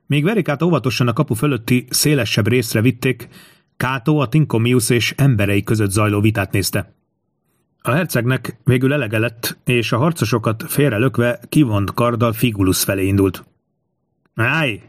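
A man narrating a historical adventure audiobook in a steady storytelling manner. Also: medium pitch, no room sound, studio quality. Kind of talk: scripted narration.

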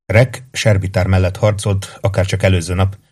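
Low-voiced male audiobook narrator. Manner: even, steady storytelling. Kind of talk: scripted narration.

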